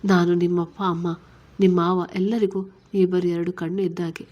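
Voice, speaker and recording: A woman reading a story, voicing a caring middle-aged mother-in-law who gently reassures her daughter-in-law. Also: fairly low pitch, flat delivery, moderate pace, close to an everyday voice. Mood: reassuring.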